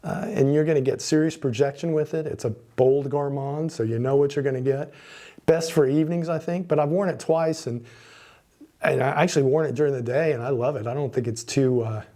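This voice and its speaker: Guy rambling about perfumes, mellow warm voice, keeps restarting sentences. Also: mid-range voice, brisk. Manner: chatty, rambling, swears under his breath at mishaps. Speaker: fragrance reviewer. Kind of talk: casual product review.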